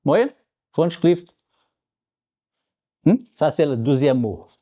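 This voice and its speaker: In a laid-back language-learning vlog, a Portuguese-accented man from Portugal teaches words through constant repetition. He speaks slowly and expressively in a mellow voice on the high side.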